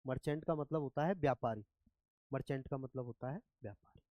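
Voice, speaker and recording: A man's voice: mid-range voice, brisk, no echo, lo-fi sound. A man teaching English grammar in a classroom lecture, often checking whether students follow. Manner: asks students repeatedly if they follow.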